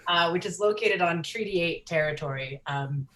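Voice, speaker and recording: A woman introducing herself on a video call, slow and giggly. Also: fairly low pitch, a bit bright. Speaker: participant. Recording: roomy call with faint noise.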